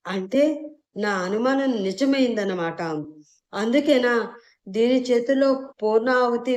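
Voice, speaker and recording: A woman's voice: on the high side, darkish tone, muffled recording. A woman voicing a scheming young woman fretting in a tense inner monologue.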